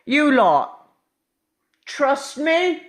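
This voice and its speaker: A woman's voice: high voice, very animated, pitched above the performer's own voice, full character voice. A woman playing a cocky, daring male alien doctor hero in an amateur script read, with dramatic, commanding delivery. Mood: urgent, testing. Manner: dramatic, commanding, savoring pauses.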